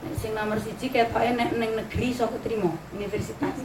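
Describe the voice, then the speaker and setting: A woman's voice: fairly high pitch, steady tone, fast talker. A middle-aged woman with a Javanese accent gives a chatty, anecdote-filled religious talk to mothers, slipping in Javanese words. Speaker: religious teacher. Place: open pavilion hall. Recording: roomy echo, distant mic, ambient noise.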